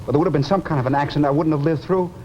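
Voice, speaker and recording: An actor with a rather high, slightly mellow, everyday-sounding voice talks very fast as a haunted, guilt-ridden man confessing his fear of death. His delivery is intense and brooding with a sense of dread, in the style of 1950s television drama, heard through a muffled, noisy old TV soundtrack.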